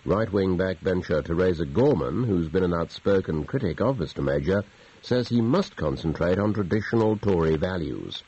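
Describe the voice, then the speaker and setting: A man's voice: sits low, expressive, darkish tone, husky. A man reading a formal morning news bulletin, heard as a dull, tinny broadcast from a clock radio. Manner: measured, formal news delivery. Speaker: radio newsreader.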